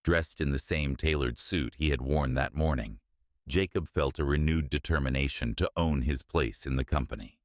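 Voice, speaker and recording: A man narrating a scripted story in a steady, measured way. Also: rumbling low, no echo, studio quality.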